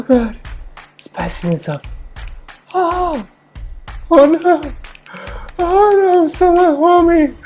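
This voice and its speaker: A woman hosting a comic food reaction video, talking in loud, exaggerated groans, gasps and cries. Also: high-pitched.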